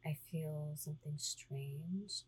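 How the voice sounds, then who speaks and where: A woman performing an intimate ASMR roleplay close to the mic, breathy and teasing, slipping between soft talk and whispers. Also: deep voice, takes it slowly.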